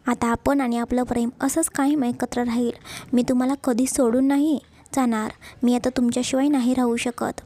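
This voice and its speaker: A woman voicing a shy young wife who gently scolds her husband in a romance story. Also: on the high side, little pitch movement, normal speed, lightly acted. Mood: loving. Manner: coaxing, mildly scolding.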